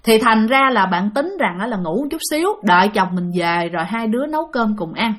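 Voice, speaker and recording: A woman's voice: medium pitch, expressive, fairly quick, a bit bright. A woman with a Southern Vietnamese accent narrating a ghost story in a chatty way, talking straight to her listeners. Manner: chatty, addresses listeners directly.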